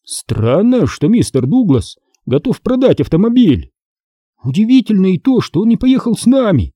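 A man reading aloud, voicing an eager, excitable twelve-year-old boy. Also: sits high, moderate pace, slightly rough, dry recording, clean studio sound, voice pushed up, full character voice. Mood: curious.

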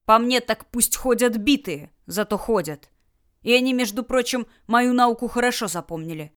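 A woman's voice: a little high, expressive, normal speed, a bit bright. A blunt, hot-tempered tough man who barks his words, voiced by a female audiobook narrator. His delivery is coarse and curt. The voice stays near the reader's own. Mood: furious. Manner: barking, blunt. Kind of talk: audiobook character voice.

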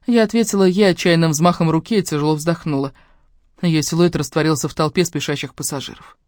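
A woman narrating a romance novel in the first person, with an expressive, emotional reading. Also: low voice, quick pace, no room sound, studio quality. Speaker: audiobook reader.

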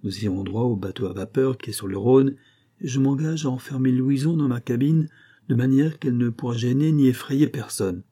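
A man voicing a bold sea captain who speaks in a steady, earnest, reassuring way in a storybook reading. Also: medium pitch, a little fast, husky, lightly acted.

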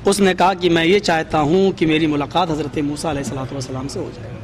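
A man's voice: on the high side, fairly even intonation. A man preaching a sermon, telling a story with dramatic rises in his voice for quoted speech, before a seated gathering.

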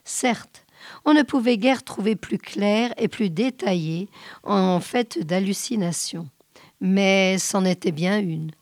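A woman reading a short story aloud in a measured, often hushed way. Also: medium pitch, no room sound. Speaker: reader.

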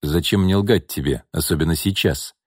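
A man voicing a cold, calm, mocking wealthy older man in an audiobook. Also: deep voice, moderate pace, no room sound, clean studio sound.

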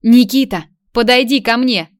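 A woman's voice: medium pitch, normal speed, no room sound, studio quality, lightly acted. A woman reader voicing a flustered young mother who answers tensely and defensively in an audiobook. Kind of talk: audiobook character voice.

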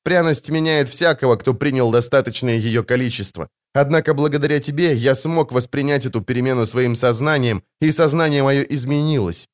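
A man's voice: medium pitch, fairly quick, few pauses, close to an everyday voice. A man voicing a tormented, bitter teenage boy in an audiobook, speaking in intense, agitated outbursts. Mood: cold, intense. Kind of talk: audiobook character voice.

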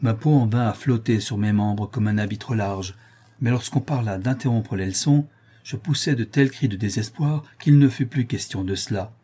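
Male audiobook reader, calm literary narration, warm dark tone, a little raspy. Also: lowish voice, normal speed.

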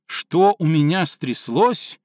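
A man voicing a shrill hysterical young woman. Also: animated, slow pace, no echo, muffled recording. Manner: shrill, sobbing, shouting.

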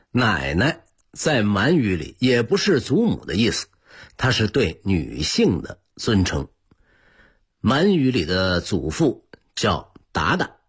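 A man's voice: mid-range voice, husky. A man presenting a scripted radio talk on old customs, in a chatty storytelling manner that speaks straight to the listener.

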